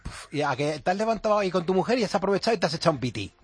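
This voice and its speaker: A man's voice: high voice, animated, racing, husky, faint music behind. A man with a Spanish accent hosting a radio phone-in, chatting casually in a teasing, familiar way. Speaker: radio host.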